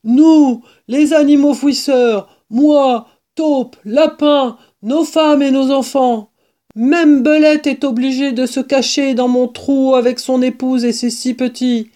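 A woman voicing a panicked, desperate old male badger in a storybook, with loud, drawn-out, anguished outbursts. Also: high voice, voice pushed up. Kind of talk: storybook character voice.

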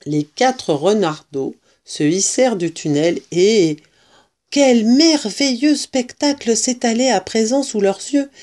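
A woman reading a children's storybook aloud as narrator, slowly and expressively. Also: medium pitch, dark tone.

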